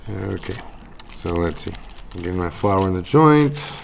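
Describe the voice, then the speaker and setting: A low-voiced man talks like a laid-back stoner, musing his way through a casual tasting. The recording is plainly noisy, with clicks. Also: animated, normal speed, gravelly. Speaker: cannabis reviewer. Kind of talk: casual product tasting commentary.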